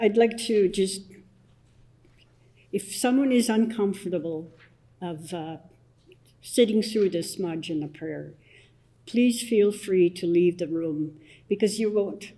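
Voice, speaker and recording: An older woman elder from southern Alberta explaining a smudge ceremony at a public assembly, soft-spoken with many pauses and restarts. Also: on the low side, low-quality recording. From Blood Tribe, southern Alberta, Canada.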